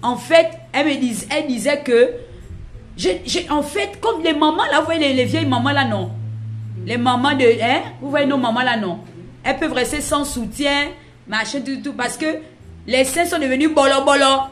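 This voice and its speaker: A woman's voice: high-pitched, normal speed, faint music behind. A woman, a prophetess giving an emphatic religious testimony, retelling events with much repetition and speaking directly to her listeners. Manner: emphatic, repetitive storytelling addressing the audience.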